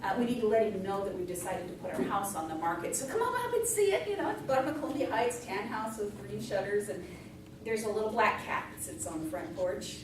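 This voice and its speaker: A woman's voice: medium pitch, a little fast. A middle-aged woman telling a folksy tall tale live, in a conversational, tongue-in-cheek way. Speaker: storyteller in a tall tales contest. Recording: echoey room from far off, noisy.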